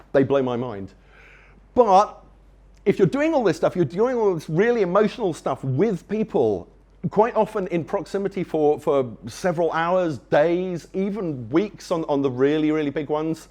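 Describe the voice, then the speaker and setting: A man speaks to an audience at a conference venue, enthusiastic and wry, rambling and often restarting his sentences. His voice is on the high side with a darkish tone.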